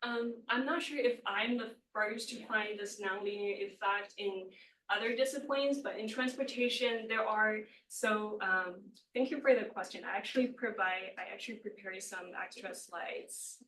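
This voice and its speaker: A woman's voice: mid-range voice, moderate pace, fairly bright tone. Hesitant young woman presenting, distant and echoey. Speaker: doctoral candidate presenting a thesis defense. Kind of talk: academic presentation. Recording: echoey room, far from the mic.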